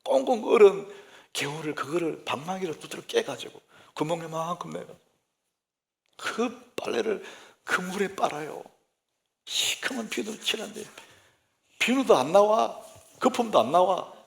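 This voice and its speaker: A male senior pastor delivering a sermon, spinning humorous everyday anecdotes. His voice sits high and swings widely in pitch. There is a strong gravelly creak in it. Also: a little slow, pauses often. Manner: lively anecdotal storytelling, humorous.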